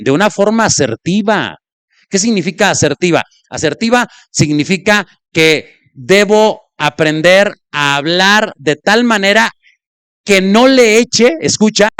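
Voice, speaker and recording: A man's voice: fairly bright tone, clear, resonant tone, no echo, clean studio sound. A male pastor preaching a sermon, acting out conversations as examples. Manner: illustrates points by acting out spoken exchanges, with sudden pitch jumps.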